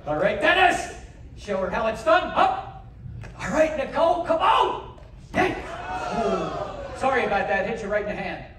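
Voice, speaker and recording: A high-pitched man jokes and coaches volunteers through a live juggling act on stage. His voice carries far off in a very echoey theater, with a crowd and steady noise around him. He talks slowly and with lots of pitch movement. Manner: joking, coaxing audience volunteers. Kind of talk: live comedy stage patter. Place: large theater on a cruise ship.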